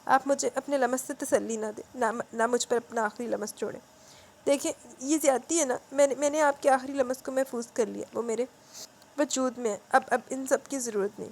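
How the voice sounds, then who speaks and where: A woman voicing a gentle young wife who pleads through tears, stumbling over her words. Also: high-pitched, steady tone, a little hiss or hum. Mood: tearful. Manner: pleading, halting repeats.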